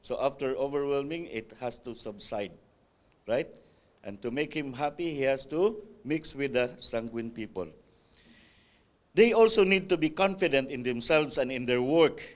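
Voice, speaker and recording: Reading to a church class, this man pauses now and then to add offhand comments and ask the group "right?" He's the Sabbath school speaker, with an expressive, mid-range, slightly dark voice at a moderate pace, and he hesitates and restarts at times.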